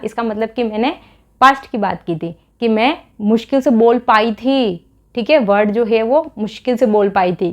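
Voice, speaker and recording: A woman with an Indian accent teaching spoken English in Hindi, slowly modeling each English example sentence. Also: fairly high pitch, a little mellow.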